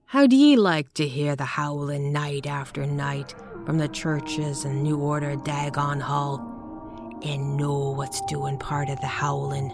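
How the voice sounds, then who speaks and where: A woman voicing a frantic, half-mad old woman who speaks in a rustic old-timer dialect and swings between shouting and hoarse whispers. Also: low voice, full character voice.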